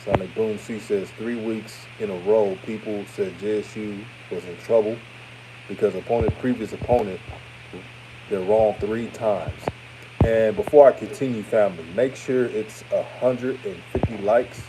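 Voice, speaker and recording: This Houston, Texas man in his 30s has a deep voice that reads older than his years. Speaking at normal speed in his room after a game, he chats through casual live-stream hot takes and chat comments, relaxed, repetitive, and prone to trailing off, against a noisy background hum.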